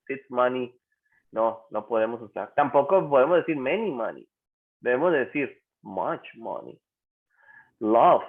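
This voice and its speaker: A man teaching an English class in Spanish online, patiently repeating words slowly for students to practice. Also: medium pitch. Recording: tinny phone-like online class audio.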